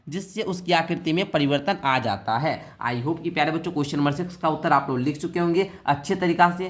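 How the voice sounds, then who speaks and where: Coaxing teacher, rather high. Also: male voice. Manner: coaxing, keeps asking the pupils "theek hai?"; reads questions out, then explains them plainly. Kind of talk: classroom-style exam answer lesson.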